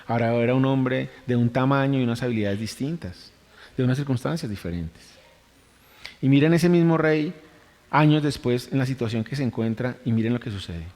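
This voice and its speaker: A man's voice: medium pitch, fairly quick, darkish tone. Earnest preaching man in a reverberant hall. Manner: earnest, repeats phrases for emphasis, self-corrections. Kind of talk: sermon. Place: church hall.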